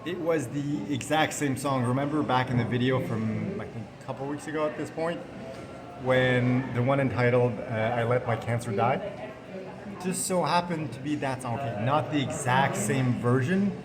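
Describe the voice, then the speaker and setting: A man's voice: mid-range voice, normal speed. Man chatting casually amid indoor background chatter. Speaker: vlogger documenting cancer treatment. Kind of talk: casual chat to camera. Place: indoors, quiet corner of a hospital.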